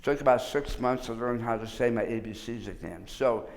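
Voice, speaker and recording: A man's voice: mid-range voice, moderate pace, vocal fry. Man with unusual articulation in a reverberant hall. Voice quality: slightly unusual articulation after tongue surgery. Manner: informal, restarts often, dry self-mocking humor. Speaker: workshop presenter. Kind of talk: conversational workshop lecture.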